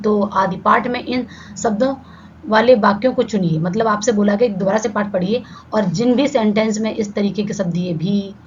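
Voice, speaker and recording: A woman teacher, at a medium pitch, works through a grammar lesson one point at a time. She checks in often with a quick "ठीक है". The recording sounds a little muffled and lo-fi, with a faint hiss behind her voice. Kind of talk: online Hindi grammar lesson. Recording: slightly dull lo-fi sound with faint background hiss.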